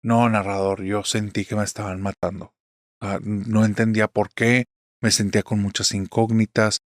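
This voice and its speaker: A man's voice: fairly low pitch, level tone, moderate pace, no room sound, studio quality, close to an everyday voice. A man voicing a distraught young husband who pleads as he recounts his ordeal in a horror story. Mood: anguished. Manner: pleading, anguished confession.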